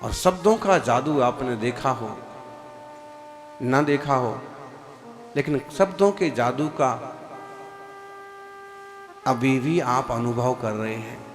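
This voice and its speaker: A man's voice: mid-range voice, animated, slow, pauses often, big-room sound, soft background music. A man, a Jain monk, giving a sermon to a seated congregation, asking them rhetorical questions and sometimes slipping into a chant. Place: large hall before a seated congregation.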